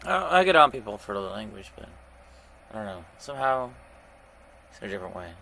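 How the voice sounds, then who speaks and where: A man chatting casually in a wry, droll manner, easing slowly into his sentences. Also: lowish voice, big pitch swings, gravelly, pushed and bright, poor audio. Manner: slow-starting, wry, droll. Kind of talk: casual chat. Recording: voice call with background noise.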